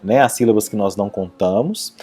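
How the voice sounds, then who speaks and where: A man's voice: lowish voice, a little fast, a little mellow, breathy edge, faint music behind. A man teaching a video lesson, explaining step by step and often checking in with his listeners.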